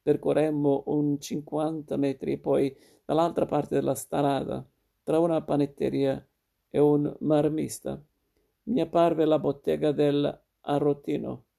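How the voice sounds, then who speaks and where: A man narrating a literary short story in a steady, measured reading. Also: on the high side, gravelly.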